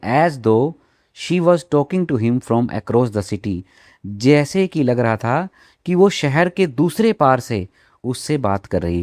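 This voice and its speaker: A man teaching a class, reading English lines slowly and then explaining them. His pitch rises and falls a lot, and he speaks at an unhurried pace. The recording is dry and close. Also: darkish tone, no room sound. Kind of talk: textbook explanation lesson.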